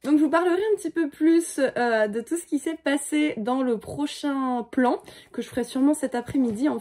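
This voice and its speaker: A young woman chatting casually to her phone camera at home in a book vlog, playful and prone to excited squeals. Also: fairly high pitch. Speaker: book vlogger. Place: at home, indoors.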